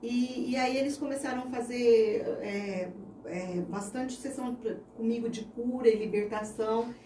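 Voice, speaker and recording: Her warm, rather high voice moves at a normal speed as she, a Brazilian Portuguese-accented woman in her thirties, earnestly tells her faith story as an interview guest. Faint noise and room echo come through a distant microphone.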